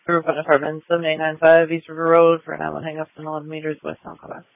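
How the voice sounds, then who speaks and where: A man working as a police dispatcher, reading out calls in brisk, clipped radio style over a police radio channel. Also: fairly high pitch, completely flat delivery, gravelly, slight background noise. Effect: police radio transmission. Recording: tinny dry radio channel.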